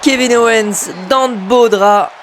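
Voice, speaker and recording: A man giving excited play-by-play commentary on his own wrestling video game match, bursting into shouts at big moves and muttering asides to himself. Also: very high-pitched, measured pace, slight background noise.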